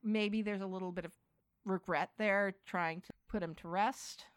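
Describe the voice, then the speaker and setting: A woman's voice: medium pitch, fairly even intonation, moderate pace, clear, resonant tone, no echo. A woman co-hosting a casual podcast chat about a TV episode, chatty and laughing often. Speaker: podcast co-host.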